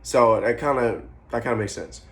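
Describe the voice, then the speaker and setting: Young guy in his 20s vlogging, rambly, swears a lot, just thinking out loud. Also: medium pitch, moderate pace. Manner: rambling, profane, musing aloud; eating while talking. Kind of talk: casual monologue to camera.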